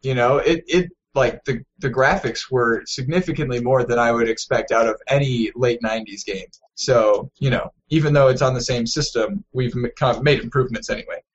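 A man's voice: mid-range voice, a little fast, hardly any pauses. Guy cohosting a game news podcast, lots of likes and you knows, muffled lo-fi sound. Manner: loose, filler-heavy delivery with restarts. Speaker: podcast co-host. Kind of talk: casual news chat. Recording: dull lo-fi podcast audio.

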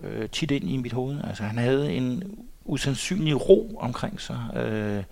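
Guest, older man in his 60s, reflective and halting with many pauses and restarts. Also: mid-range voice, lively intonation, gravelly, darkish tone. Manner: hesitant, many fillers and restarts. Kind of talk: reminiscing interview talk. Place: studio.

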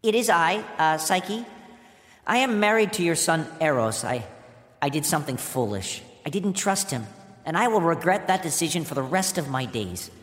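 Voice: medium pitch, animated, moderate pace, fairly bright tone, roomy sound, in a large hall, pitched above the performer's own voice, close to an everyday voice. A narrator playing a stammering, pleading young woman. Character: nervous, lovesick young mortal woman. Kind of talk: storytelling podcast voice acting.

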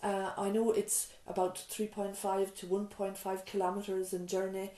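In a small, reverberant island nurse's surgery, a middle-aged woman from Ireland reflects on her life as a nurse and mother in an interview. Her medium-pitched voice moves little in pitch and keeps a moderate pace, while her warm storytelling is full of restarts, asides, and "you know."

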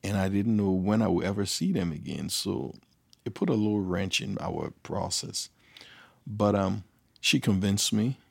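Gravelly man telling stories. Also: fairly low pitch, normal speed, no echo. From Liberia. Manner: animated, acts out dialogue. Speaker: guest. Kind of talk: anecdotal storytelling.

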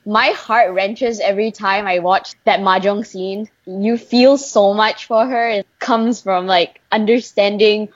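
A chatty young woman from Malaysia tells stories in a casual interview, animated and quick to laugh. The sound is dull and muffled. It is very dry, with no room around it. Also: mid-range voice, dry recording. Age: young adult. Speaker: singer guest.

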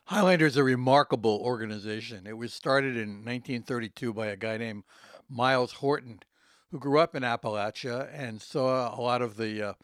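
A man with a medium-pitched voice gives an expert interview answer. He lectures like a professor, telling history factually, on a dry recording with no room sound. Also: fairly quick, a bit bright, smooth, dry recording.

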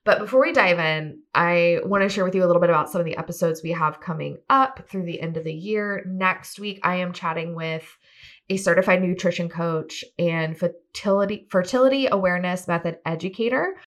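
A woman in her thirties hosting a casual solo podcast, chatty and upbeat with a self-deprecating streak, her voice hoarse from a cold. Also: on the low side, fairly quick. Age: 30s. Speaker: podcast host.

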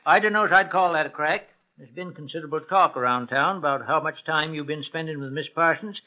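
An actor playing a blunt small-town sheriff. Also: male voice, fairly high pitch, brisk, highs cut off, close to an everyday voice. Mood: plain. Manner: blunt and commanding. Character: gruff small-town male sheriff, bossy. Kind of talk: 1940s radio acting. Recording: old radio broadcast recording.

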